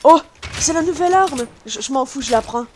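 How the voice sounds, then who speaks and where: A woman with a Quebec French accent giving chatty, excitable commentary on her gameplay to her viewers. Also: sits high, fairly quick. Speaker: gaming YouTuber. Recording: noisy home recording.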